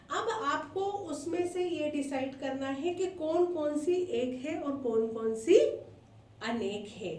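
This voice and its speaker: A woman teaches a class of small children in a patient, questioning way and repeats the key answers. Her voice sits high, and it sounds a little distant in a room with some echo. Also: darkish tone, a little hiss or hum. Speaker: primary school teacher. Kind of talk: classroom lesson for young children.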